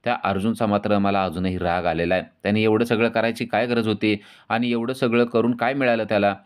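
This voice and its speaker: A man's voice: fairly low pitch, fairly even intonation, brisk, clean tone, natural voice. A man voicing an irritable older man who grumbles like a sulky child.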